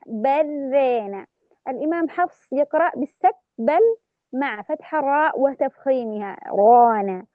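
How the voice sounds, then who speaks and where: A woman with a high voice teaches recitation rules and recites verses slowly to show them. The sound is dry and close, with a dull, lo-fi tone. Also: no room sound. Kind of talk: tajweed lesson with recited examples.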